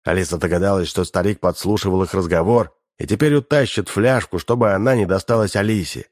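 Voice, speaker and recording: Low-voiced man narrating an audiobook. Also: fairly quick, no room sound, clean studio sound.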